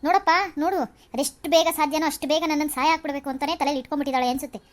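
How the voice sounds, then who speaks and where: A woman's voice: sits high, steady tone, very fast, close to an everyday voice. A woman voicing a nagging, self-pitying old mother-in-law in a cartoon serial, scolding and complaining with heavy sighs. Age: older. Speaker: cartoon voice actor.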